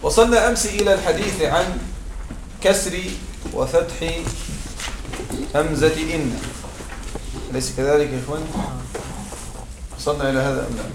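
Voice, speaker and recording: A man's voice: fairly high pitch, normal speed, pauses often. A man teaching an Arabic grammar class, often checking in with his students to make sure they follow. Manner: checks in with students often, greets arrivals mid-lesson. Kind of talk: classroom lesson. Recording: echoey room, distant mic, background noise.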